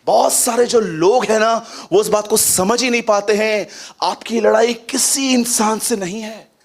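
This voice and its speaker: A man delivers a sermon in a fairly high voice. He keeps turning to the congregation with questions and leans hard on the scripture he quotes. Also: fairly even intonation, unhurried, vocal fry. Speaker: preacher.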